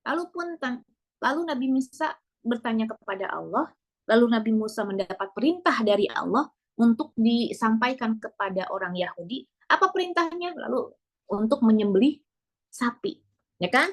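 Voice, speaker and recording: Woman preacher, high voice, animated storytelling, rhetorical questions. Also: moderate pace. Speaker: female preacher. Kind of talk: sermon storytelling.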